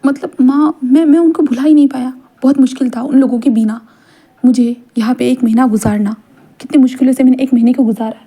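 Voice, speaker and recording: A woman's voice: high voice, steady tone, a little fast, warm tone, slightly rough. Woman voicing a flustered lovesick young man. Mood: uneasy.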